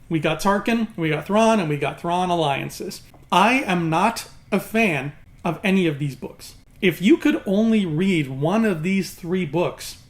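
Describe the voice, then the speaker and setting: A man hosting an opinionated video review in an emphatic, sarcastic, exasperated way, his words slightly mumbled as if he had marbles in his mouth. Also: sits high. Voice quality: slightly slurred, marbles-in-mouth articulation from a swollen mouth. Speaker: YouTube host reviewing books.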